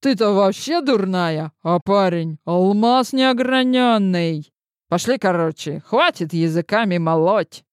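A woman voicing a sharp-tongued, bossy old grandmother in an audiobook, speaking slowly and mockingly. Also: medium pitch, expressive, no echo, clean studio sound, lightly acted. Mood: scolding. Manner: gruff, mocking, slow and deliberate. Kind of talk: audiobook character voice.

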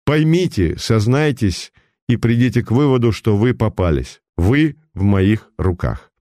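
A man voicing an unflappable police detective, calm and sarcastic, speaking in a measured way, in a dry recording. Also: on the low side, no echo.

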